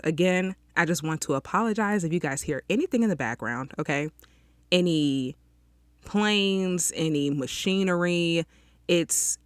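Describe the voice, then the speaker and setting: A young woman hosts her own casual solo podcast, talking alone from a small closet where outdoor sounds leak in, often checking in with listeners by asking "okay?". Her voice is deep, and the sound is studio quality with no echo.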